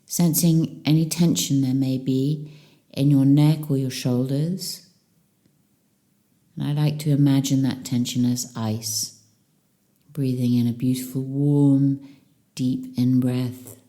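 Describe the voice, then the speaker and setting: Her voice rumbles low as she guides listeners through meditation as their teacher. She keeps things soothing and calm, pausing at length between phrases.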